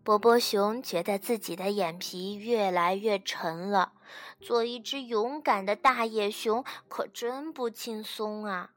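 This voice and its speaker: A woman storyteller reading a children's bedtime story in a slow, soothing way. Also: medium pitch, faint music behind. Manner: slow, soothing, fading to soft.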